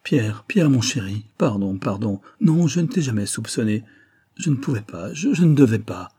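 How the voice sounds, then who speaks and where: Un homme qui fait la voix d'une comtesse aristocrate, anxieuse et émue, dans un livre audio lu. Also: male voice, mid-range voice, moderate pace, dark tone, husky, close to an everyday voice. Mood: suppliante. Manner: pleading, emotional. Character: anxious aristocratic countess, emotional.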